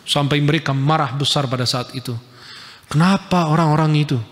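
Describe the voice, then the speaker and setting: A man with a fairly high voice gives a casual religious lecture in a lively, joking way. He points at pictures as he talks, and his words ring out with a long reverb from a large hall. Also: brisk. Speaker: Islamic preacher.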